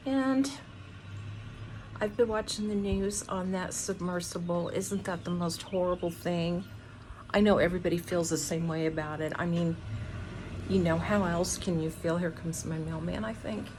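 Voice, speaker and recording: A middle-aged woman with a low voice talks casually to the camera from a small front porch. She rambles along conversationally, leaving trailing pauses, with some outdoor noise behind her. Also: fairly even intonation, darkish tone. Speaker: vlogger. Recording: noticeable outdoor background noise. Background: outdoor ambience.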